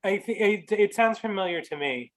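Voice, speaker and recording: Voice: mid-range voice, animated, moderate pace. A commission member adding short, agreeable comments during a meeting held over a video call. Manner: brief, agreeable interjections. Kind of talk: meeting discussion.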